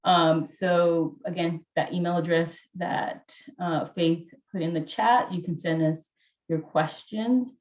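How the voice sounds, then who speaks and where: A woman's voice: fairly low pitch, fairly even intonation, slow, a little mellow. Woman, financial aid officer, helpful and patient, room echo on a video call. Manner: helpful, repeats key steps. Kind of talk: casual video-call Q&A answers.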